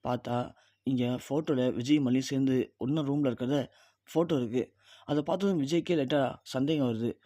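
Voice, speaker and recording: Mellow-voiced man retelling a serial. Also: medium pitch, fairly quick, no room sound, studio quality. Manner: chatty storyteller. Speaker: serial review host. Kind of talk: casual plot retelling and prediction.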